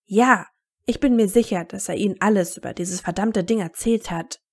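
A woman voicing a hot-tempered teenage boy wizard who shouts and swears in agitation. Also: medium pitch, normal speed, breathy edge. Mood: furious.

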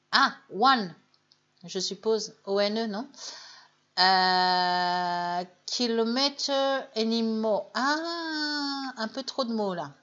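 A woman teaching English on a live stream in French. She chats with viewers, reads their names, corrects them gently and says the English model phrases slowly. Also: medium pitch, muffled recording.

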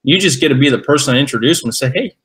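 A man co-hosting a business webinar, emphatic and hyping in a casual sales pitch. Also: racing, fairly bright tone. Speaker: webinar co-host.

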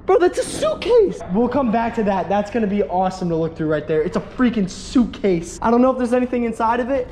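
An excitable young man hosting an outdoor vlog, laughing and joking as he films himself with an action camera beside a busy road. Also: very high-pitched, fairly quick, hardly any pauses. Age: young adult. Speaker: host. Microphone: action camera, chest mount or held at arm's length. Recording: outdoor camera audio with traffic noise. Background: traffic and outdoor noise.

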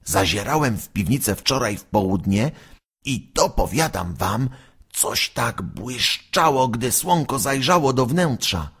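A man's voice: mid-range voice, lively intonation, measured pace, a bit bright, breathy edge, voice pushed up, heavily acted. A man voicing a mischievous ten-year-old boy in a storybook, cheeky and conspiratorial. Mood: teasing. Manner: cheeky, secretive whispering.

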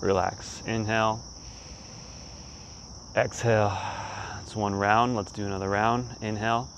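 Outdoors beside a leafy pond, a man in his thirties leads a guided breathing exercise in short, spaced-out phrases. His fairly low, fairly bright voice is flat and a little slow, with insects, outdoor ambience, and faint noise around him.

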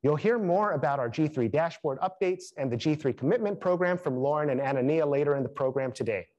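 A young man presenting a scripted program update to camera in a studio, in a steady, measured way. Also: fairly high pitch, lo-fi sound. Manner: steady, measured delivery listing achievements. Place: studio in front of a green screen.

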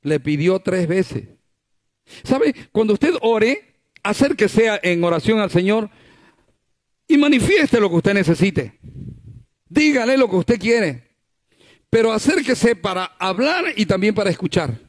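A man's voice: sits high, big pitch swings, a little slow, long pauses. A male pastor preaching a sermon at a church service, conversational, full of rhetorical questions and acted-out quotes.

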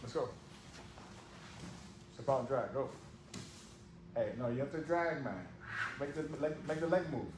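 A man with a mid-range voice and lively intonation coaches judo hands-on in a large gym, unhurried and leaving long pauses between his short, repeated commands and cues. A camera on the floor captures the echo and background noise of the space.

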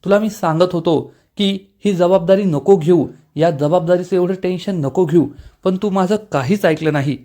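An angry young husband scolds his wife over her carelessness, as a man reads his lines aloud. The reproachful voice sits fairly high for a man. It is told as part of a soap-opera episode recap. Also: moderate pace, mellow, lightly acted. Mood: angry scolding.

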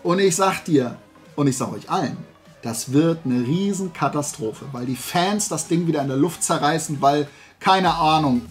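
There's music in the background as a forties-aged host with a rather high voice sits at a desk in a small home room, ranting animatedly and colloquially about his opinions. His pace is moderate, and the show has a casual feel.

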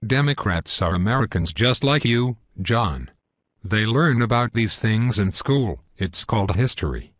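A man's voice: lowish voice, animated, a little slow, a bit bright, dry recording, studio quality. A synthetic male voice playing a hesitant, reasonable guest in a scripted satirical cartoon interview, speaking earnestly and stiffly. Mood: earnest, defensive.

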